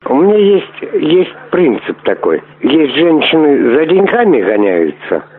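A man's voice: a little high, very animated, unhurried. A man making a crude prank phone call, pushy and rambling, swearing often as he keeps asking to meet. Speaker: prank caller. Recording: tinny phone line.

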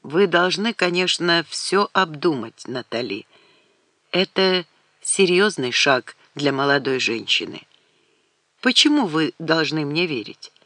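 A woman reader voicing an old, courteous and protective baron, speaking softly and earnestly. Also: low-pitched, expressive, takes it slowly, dry recording, exaggerated voice.

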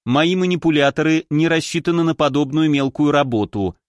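A man's voice: a little high, no room sound, studio quality, close to an everyday voice. A man doing a cold, emotionless robot. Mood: cold, flat. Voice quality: measured, emotionless. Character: cold logical male robot.

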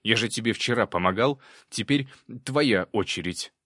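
A man voicing an excitable, demanding little male demon spirit in a storybook reading, loud and panicky. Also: on the low side, moderate pace, no room sound, clean studio sound. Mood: excited.

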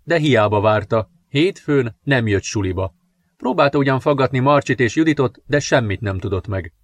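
A man narrating a novel in a calm, measured reading. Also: medium pitch, dry recording. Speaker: audiobook narrator. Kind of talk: scripted narration.

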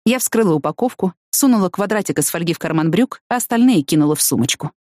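A woman's voice: fairly low pitch, animated, fast talker, a little mellow, no echo. Woman reading a novel aloud, dry. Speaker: audiobook narrator. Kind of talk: first-person novel reading.

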